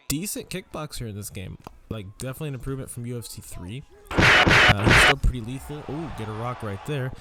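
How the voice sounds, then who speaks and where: A man's voice: mid-range voice, a little hiss or hum. A young man hosting a gaming channel, rambling tiredly and casually through his game commentary, swearing now and then and yawning. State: sleepy, yawning.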